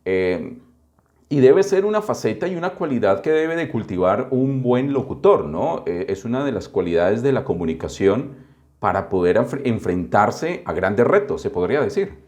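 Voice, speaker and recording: A man's voice: medium pitch, sing-song, moderate pace, darkish tone. Man hosting an interview. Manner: hesitant, restarts before points. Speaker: interviewer host. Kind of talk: interview questions.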